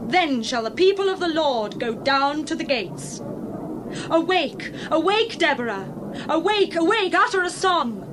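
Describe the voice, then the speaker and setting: In a dramatized scripture reading, a woman plays an exultant biblical prophetess, declaiming solemnly. Her voice is high, sing-song and unhurried, with clear ambient noise in the background.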